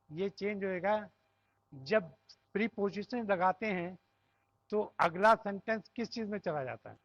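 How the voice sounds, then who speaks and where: A man with a Pakistani Urdu accent leads a grammar class in a fairly high voice. He explains point by point, stopping to quiz his students and check they follow. The recording is dry and somewhat dull, with a lo-fi edge. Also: a bit bright, no echo. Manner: explains step by step, asking the class questions and checking with "right?". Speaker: Arabic grammar teacher. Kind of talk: classroom lesson.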